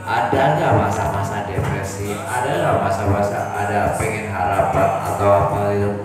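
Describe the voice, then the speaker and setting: A man's voice: fairly low pitch, steady tone, moderate pace. A man hosting a casual chat, asking questions in a friendly way and laughing often. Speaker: host. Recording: echoey room from far off with loud music.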